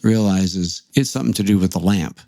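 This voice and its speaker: A man with a low, mellow voice retells a ghost story on his podcast in an easy, conversational way. The sound is dry and close. He acts out bits of the characters' dialogue as he goes. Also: brisk, vocal fry, no room sound. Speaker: podcast host. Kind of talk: casual storytelling.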